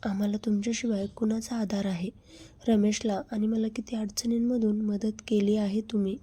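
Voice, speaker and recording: A frightened young wife, read by a woman in a story, pleading and tearful. Her voice is mellow and dark, with a flat, narrow melody. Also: mid-range voice, moderate pace, husky, natural voice.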